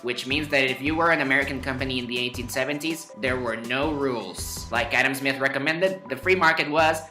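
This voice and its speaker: Medium in pitch and quick, the history show's host has a pushed, bright voice as he reads his scripted lesson. Playful, wry comments and elongated words mark his delivery, and the recording has roomy echo with faint music beneath.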